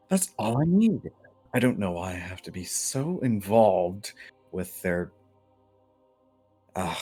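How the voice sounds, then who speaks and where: A man's voice: sits low, husky, heavily acted. A man voicing a grumbling, disdainful noble father in a tabletop game.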